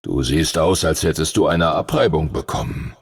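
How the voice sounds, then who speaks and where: A man voicing an ancient, gruff male dragon mentor who speaks slowly and gravely in a deep, stern voice. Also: no room sound, studio quality, full character voice. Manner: stern, scolding, ominous.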